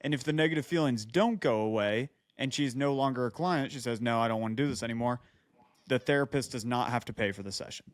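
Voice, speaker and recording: Speaking quickly in a mid-range voice, a man co-hosts a casual comedy show, bantering and reading passages aloud. He keeps cutting into his reading with jokes and side comments, and the recording is dry.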